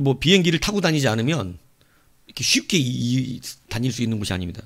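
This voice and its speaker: A male pastor preaching a sermon, telling a story with animated swings between loud outbursts and soft asides. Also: fairly high pitch, gravelly.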